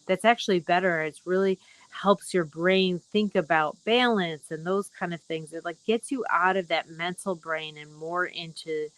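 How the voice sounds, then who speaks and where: A middle-aged woman hosting a casual live wellness broadcast, speaking gently and rambling with many fillers. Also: on the low side, moderate pace, dry recording, rough recording. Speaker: wellness talk host.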